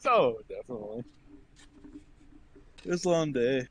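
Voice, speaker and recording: A man's voice: mid-range voice, animated, normal speed, rough recording. A man co-streaming, chatting casually and reading news items aloud, stumbling over hard names.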